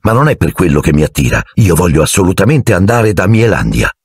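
A man's voice: deep voice, sing-song, a little fast, breathy edge, no room sound, clean studio sound, heavily acted. A man voicing a careless teenage schoolboy wizard who talks offhandedly and dreamily. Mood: dreamy. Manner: offhand and dreamy about sweets.

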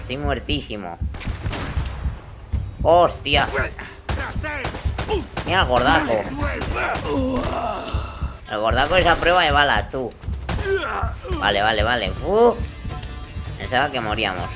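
A man casually commenting on a video game he is playing, excitable and swearing, talking to himself. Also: medium pitch, slow, pauses often. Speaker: gameplay commentator. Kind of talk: casual let's-play commentary. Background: game music and gunfire.

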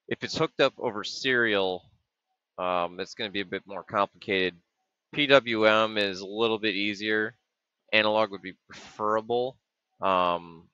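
A man's voice: fairly low pitch, sharp tone, clean tone, no echo. A middle-aged man casually walking through a chip datasheet and circuit board, thinking aloud with frequent ums and restarts. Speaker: maker explaining a project. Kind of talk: casual screen-share walkthrough. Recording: dull, dry lo-fi webcam audio.

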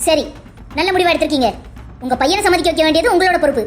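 Spiteful young woman for a cartoon, a woman voicing her, defiant and rapid. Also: very high voice, faint music behind. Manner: cold, defiant, sneering. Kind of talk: Tamil cartoon voice acting.

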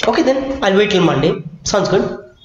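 A man's voice: sits high, big pitch swings, moderate pace. A young man playing an impatient, complaining customer in a role-play. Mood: grudging. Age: young adult. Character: irate young male customer threatening to sue. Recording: very echoey hall-like room, dull, faint noise.

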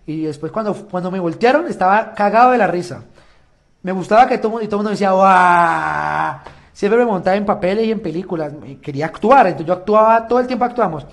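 Talking casually to the camera, a young reality show contestant gives his side of the story and plays out the quoted exchanges. His voice is high-pitched and he speaks very fast.

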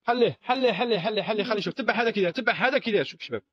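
A shop salesman with an Algerian Arabic accent pitches products in an insistent, repetitive patter packed with exclamations. His delivery is expressive, rapid-fire and husky, on a dull lo-fi recording.

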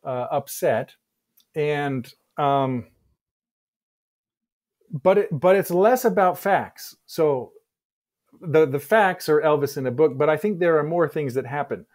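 A middle-aged man answering interview questions on a video call, speaking in a measured, thoughtful way with frequent restarts, on a headset mic in a home office. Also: a little high, a little mellow. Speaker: guest historian.

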